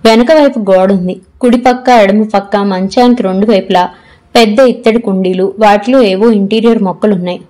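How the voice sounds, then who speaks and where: Woman reading an audiobook novel, steady expressive storytelling. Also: mid-range voice, a little fast, poor audio. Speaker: narrator.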